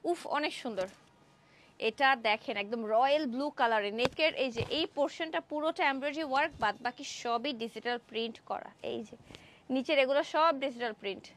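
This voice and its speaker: Young woman from bangladesh doing a live dress sale, high voice, chatty and excited. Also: normal speed, a little hiss or hum. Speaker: live-stream clothing seller. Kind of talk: Facebook live sales pitch. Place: indoor showroom.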